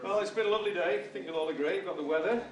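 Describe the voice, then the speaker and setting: British man's wedding speech, distant and echoey. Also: high-pitched. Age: middle-aged or older. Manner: dry, wry humour with pauses for laughs. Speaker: father of the bride giving a speech. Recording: roomy, distant microphone, clear background noise. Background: room noise and guests laughing.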